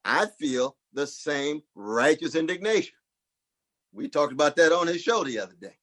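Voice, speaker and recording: A man's voice: on the high side, expressive, normal speed, fairly bright tone. A man giving impassioned political commentary in a preacher-like way, calling others "Brother" and "Sister". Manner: rhetorical, uses religious address like "Brother" and "Sister".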